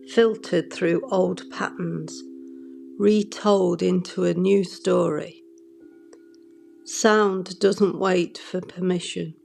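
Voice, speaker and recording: A sound healing guide giving scripted meditative narration in a measured, soothing manner. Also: mid-range voice, gravelly, a little mellow, a little hiss or hum.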